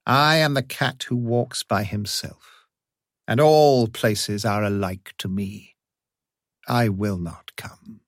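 A man's voice: on the low side, slow pace, no echo, studio quality. A man voicing a proud, independent male cat who is cool and self-satisfied, in a storybook reading. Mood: aloof.

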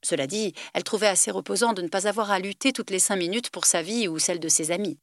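A woman reads a novel aloud with lively expression. Her voice sits mid-range, and the recording is dry and close. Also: medium pitch, fast, no room sound. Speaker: reader. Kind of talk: audiobook narration.

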